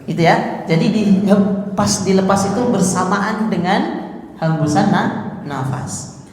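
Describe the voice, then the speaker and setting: Man, unhurried patient drill-style teacher; long roomy reverb. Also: sits high. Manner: patient, drills sounds by repeating them. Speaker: Quran recitation teacher. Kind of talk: tahsin pronunciation lesson. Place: mosque hall. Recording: echoey mosque hall with long reverb.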